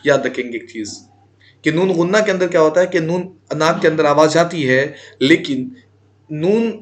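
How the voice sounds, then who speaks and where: Slightly high-voiced male teacher drilling terms. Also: animated. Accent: Indian. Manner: repeats terms and asks rhetorical questions before answering them; draws out example words slowly. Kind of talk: grammar lesson for exam students.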